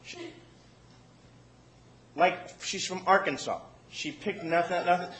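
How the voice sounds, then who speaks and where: High-voiced man telling a profane comic tale. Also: slow pace, a bit bright, reverberant, rough recording. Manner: profane, self-mocking, often laughing while talking. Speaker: storyteller. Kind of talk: telling a comic story to a live audience.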